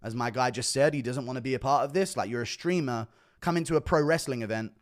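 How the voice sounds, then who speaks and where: A man's voice: mid-range voice, fast. A man giving emphatic, profane reaction commentary on a video clip, repeating quoted lines as he goes.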